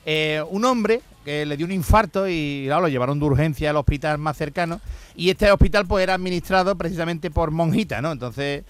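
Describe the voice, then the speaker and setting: A man, telling jokes on a radio show in a fairly high voice. He is lively and laughs at his own punchlines. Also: fairly quick, no echo. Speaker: radio joke teller.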